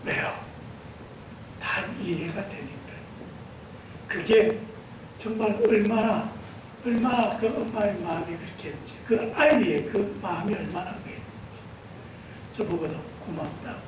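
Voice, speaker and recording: A middle-aged male pastor delivers a Sunday sermon in a fairly high voice, telling stories and calling out to the congregation. He is heard from a distance in a very echoey sanctuary. There is steady room noise behind him. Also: a little slow, long pauses. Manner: storytelling, addressing the congregation directly. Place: church sanctuary. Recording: echoey church hall, voice from far off, room noise.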